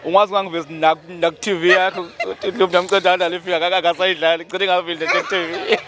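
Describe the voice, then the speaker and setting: A man's voice: high voice, little pitch movement, racing, heavy background noise. A man with a Zulu accent, a musician talking casually as an interview guest in a humble, thankful, repetitive way.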